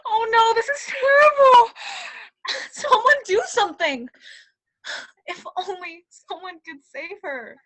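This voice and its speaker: A woman's voice: very high voice, animated, slow, sharp tone, full character voice, poor audio. A woman playing a melodramatic, childish, doting king in a broad stage comedy, over the top and given to wailing. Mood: wailing panic.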